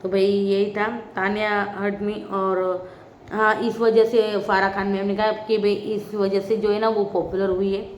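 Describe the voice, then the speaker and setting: A woman's voice: mid-range voice, little pitch movement, measured pace, slight background noise. A woman giving a casual, opinionated spoken review of a reality show, talking straight to her viewers. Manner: chatty, opinionated, addresses viewers directly. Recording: roomy, slightly dull recording.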